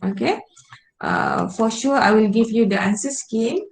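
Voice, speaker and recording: A woman's voice: fairly high pitch, animated, a little slow. A woman lecturer with a Malaysian accent explains step by step in an online lesson, in informal Malaysian slang English with frequent okays and short checking questions. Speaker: statistics lecturer. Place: indoor room, online video class. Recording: roomy, echoing online class audio.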